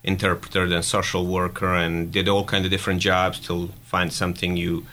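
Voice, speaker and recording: Deep-voiced man from Bosnia. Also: moderate pace. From Bosnia and Herzegovina. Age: 30s. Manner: relaxed, loose phrasing, non-native grammar. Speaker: director of operations, guest. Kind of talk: interview answers.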